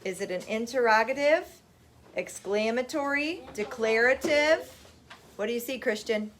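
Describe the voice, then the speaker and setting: A schoolteacher with a high, bright voice runs a phonics lesson in her classroom. She moves briskly between instructions and reads verse slowly with a sing-song lilt. A faint hiss of background noise sits under the recording. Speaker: teacher.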